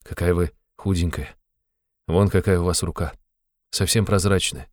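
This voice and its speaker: A man's voice: low-pitched, fairly even intonation, moderate pace, darkish tone, no echo, clean studio sound, lightly acted. A man doing a gloomy, curt young man. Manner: sullen, clipped, abrupt.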